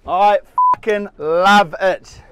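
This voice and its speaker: A man in his forties with a New Zealand accent, hosting a fishing show from his boat, excited, whooping and swearing freely as he talks. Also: high voice, slow pace. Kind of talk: casual on-the-water commentary. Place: outdoors on the deck of a small fishing boat at sea. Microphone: action camera mounted on the boat. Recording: wind and engine noise on open water.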